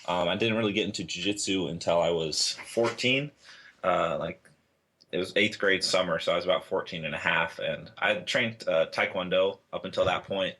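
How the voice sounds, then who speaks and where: A man in his twenties from Hawaii, answering interview questions in a relaxed, rambling way with many fillers. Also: deep voice, moderate pace. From Hawaii, United States. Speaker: interview guest, athlete. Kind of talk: casual interview.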